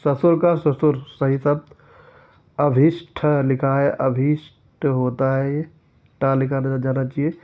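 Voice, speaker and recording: A man's voice: mid-range voice, little pitch movement, slow pace. A man teaching an exam-prep lesson who reads each question aloud and then corrects it step by step. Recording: tinny phone-like sound.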